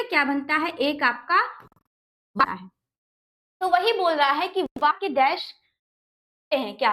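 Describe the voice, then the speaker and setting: A woman's voice: very high-pitched, a bit bright. A woman teaching an exam-preparation class, talking through multiple-choice questions and answering her own rhetorical questions. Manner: keeps asking rhetorical questions and answering them, "ठीक है" fillers. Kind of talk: exam-prep class, solving MCQs.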